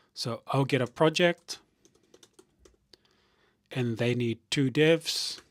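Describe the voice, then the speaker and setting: A man of middle pitch rambles through a casual live stream, reading out viewer comments and restarting his sentences often. The sound is dry and close, with keyboard typing now and then behind him. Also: dry recording. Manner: rambling, thinking out loud with restarts; reads viewer comments aloud.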